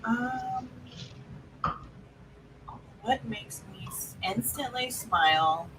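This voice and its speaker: A woman's voice: fairly high pitch, lively intonation, very slow, a bit bright, distant mic, rough recording. A woman co-hosting a casual chat over a video call, rambling and hesitant with lots of fillers. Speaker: co-host.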